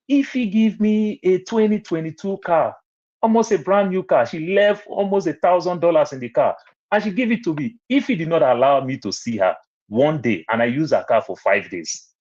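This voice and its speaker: His voice fairly high yet darkish in tone, a Nigerian-accented man shares rambling personal stories on a relaxed online panel and keeps repeating phrases. The online recording is muffled and lo-fi.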